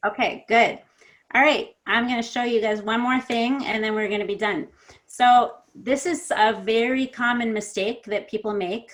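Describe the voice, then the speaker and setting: A woman leads a pronunciation lesson, patiently correcting learners. She models words slowly and keeps her tone encouraging and practical. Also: medium pitch, a bit bright. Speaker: accent coach.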